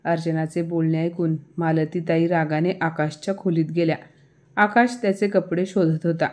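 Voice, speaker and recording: Low-voiced woman telling a moral story. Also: flat delivery, normal speed, a little mellow. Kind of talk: scripted story narration.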